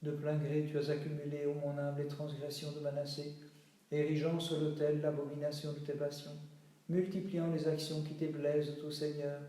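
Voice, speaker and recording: A man chanting a slow, solemn liturgical reading in a chapel, moving between spoken lines and sung refrains. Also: on the high side, monotone, mellow. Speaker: reader of liturgical texts. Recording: very echoey chapel, voice from far off.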